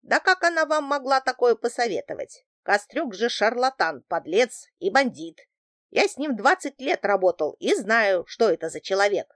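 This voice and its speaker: A woman playing a hoarse, cracked-voiced old man. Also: medium pitch, wildly swooping pitch, normal speed, fairly bright tone, no echo, studio quality, exaggerated voice. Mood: indignant. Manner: gruff and curt.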